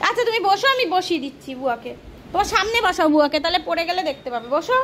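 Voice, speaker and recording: A woman's voice: very high-pitched, very animated, rapid-fire, a bit bright, a little hiss or hum. A young woman from Kolkata with a Kolkata Bengali accent, talking casually and soothingly to her baby at home. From Kolkata, West Bengal, India. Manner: coaxing, soothing, repetitive talk to her baby. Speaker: vlogger and mother. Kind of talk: casual home vlog talk. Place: family home.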